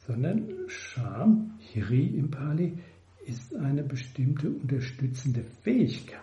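Guy teaching buddhism, really dark mellow voice, echoey room, slow and explaining. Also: medium pitch. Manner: measured, explanatory. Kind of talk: dharma talk.

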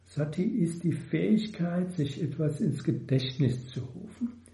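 Guy teaching buddhism, really dark mellow voice, echoey room, slow and explaining. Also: a little high, lively intonation, creaky. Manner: measured, explanatory. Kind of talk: dharma talk.

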